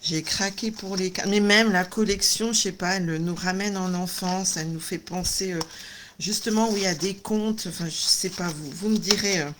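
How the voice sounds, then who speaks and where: A chatty woman with a slightly low voice shows off her craft supplies at her desk, full of little fillers and bursts of delight. The home recording has clear background noise. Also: fairly even intonation, moderate pace. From France. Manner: chatty, enthusiastic, many fillers and little exclamations. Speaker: craft video host. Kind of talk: casual live unboxing chat.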